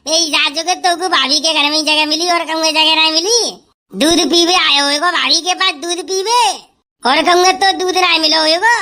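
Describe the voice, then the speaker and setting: A very high, bright woman's voice. She performs a village comedy sketch, loud, shrill and bantering. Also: fairly even intonation, normal speed.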